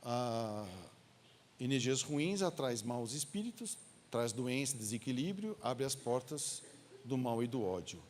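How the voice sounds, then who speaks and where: Lively, joking man lecturing. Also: mid-range voice, measured pace, a little hiss or hum. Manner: informal, joking, acts out little quoted dialogues. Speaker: lecturer at a spiritist center. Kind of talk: spiritist lecture to a live audience.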